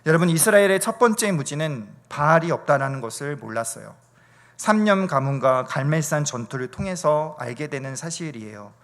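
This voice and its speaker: Fervent Korean pastor preaching, high-pitched. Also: male voice, lively intonation, a little fast. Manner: emphatic, rising to loud fervent peaks and dropping to quiet low asides; repetitive rhetorical questions and refrains. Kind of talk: sermon. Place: church sanctuary.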